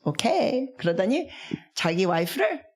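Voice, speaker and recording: A woman, a guest missionary, preaching a revival sermon as an animated storyteller who acts out the people in her stories and coaxes the congregation to respond. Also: mid-range voice, a little slow. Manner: animated, acts out quoted speech.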